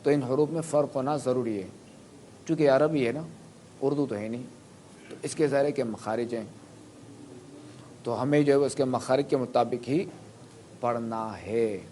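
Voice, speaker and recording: A man delivers a sermon to a gathering. His voice sits in an ordinary middle pitch, and he teaches by sounding out examples one by one. A faint hum of background noise runs under the talk. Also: pauses often, mellow. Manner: explains Quran pronunciation with spoken examples, asks listeners to raise hands. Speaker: preacher. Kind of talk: sermon to a live audience.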